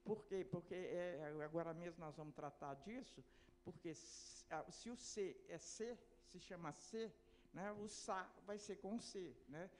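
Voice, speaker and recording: A woman's voice: lowish voice, a little slow, darkish tone, a little hiss or hum. A woman giving an academic lecture on early literacy. She explains step by step, posing rhetorical questions and answering them herself.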